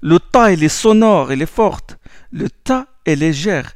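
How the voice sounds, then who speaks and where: A man's voice: fairly high pitch, animated, a little slow, dry recording, studio quality. A man teaching Quran recitation rules in a lesson, explaining in French and chanting Arabic verses, often repeating words as he goes.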